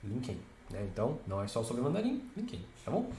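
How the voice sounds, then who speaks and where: A man's voice: huge pitch swings, a little fast, mellow. A man, a Mandarin teacher giving a casual video lesson and explaining patiently. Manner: explains patiently, tags lines with "né?" and "tá?"; imitates horn sounds in a high voice. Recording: echoey room with faint noise.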